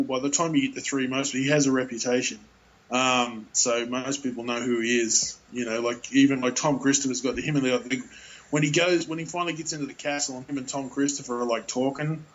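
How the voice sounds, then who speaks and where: A man's voice: medium pitch, dull audio. A man chatting casually about films, rambling with many fillers and restarts.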